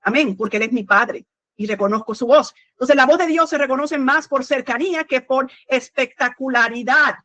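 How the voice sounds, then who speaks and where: Woman preacher, high voice, earnest sermon, lots of amens, dry slightly muffled sound. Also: normal speed, a bit bright, dry recording. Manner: frequent "amén" and rhetorical questions to the congregation; earnest teaching tone with small restarts.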